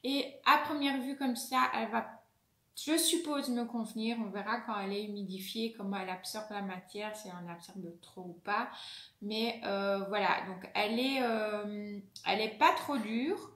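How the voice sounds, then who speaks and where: A woman's voice: medium pitch, moderate pace, a bit bright. A French-accented woman reviewing beauty products in a casual vlog, hesitant, with many fillers and self-corrections. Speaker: beauty vlogger. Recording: echoey room.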